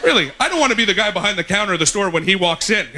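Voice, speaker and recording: Animated stand-up comic man, high voice. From Canada. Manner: animated, acts out characters in jumps of pitch. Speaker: stand-up comedian. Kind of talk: stand-up comedy set. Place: concert hall stage with a laughing audience. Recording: loud audience laughter and room noise.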